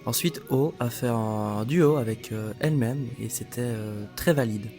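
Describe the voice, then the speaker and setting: A man's voice: mid-range voice, unhurried, warm tone, soft background music. A young man chatting casually for a vlog in a wry, campy drag queen manner. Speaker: drag performer and vlogger.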